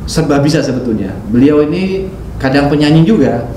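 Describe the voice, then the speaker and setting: A man's voice: a little high, animated, a little fast, warm tone. A man hosting a casual interview vlog, chatty and laughing often, with many fillers. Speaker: vlog host interviewing a guest. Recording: roomy, distant, faint noise.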